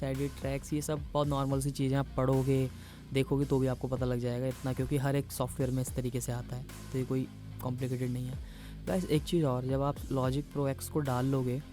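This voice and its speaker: A man teaching beginners music production software in a casual, explanatory way, often calling the viewers "guys". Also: medium pitch. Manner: casual explanatory, addresses viewers as guys, mixes English terms into Hindi. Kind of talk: screen-recorded software tutorial. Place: home music studio.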